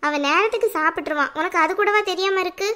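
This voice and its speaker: A nagging, scolding cartoon mother-in-law, as a woman puts her on. The voice is piercingly high and bright. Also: quick pace. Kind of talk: cartoon voice acting.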